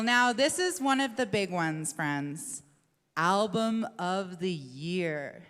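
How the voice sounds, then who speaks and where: A woman hosting a live awards show, introducing presenters with upbeat energy to a crowd. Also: mid-range voice. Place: large event hall. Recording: reverberant hall.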